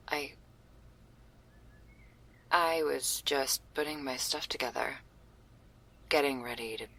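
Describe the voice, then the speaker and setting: A woman voices a mellow stoner werewolf girl in a close ASMR roleplay, teasing yet caring, breathy and often almost whispering, with casual crude slang. Her voice is deep, bright and forceful, pushed to exaggeration. The mood is awkward and teasing.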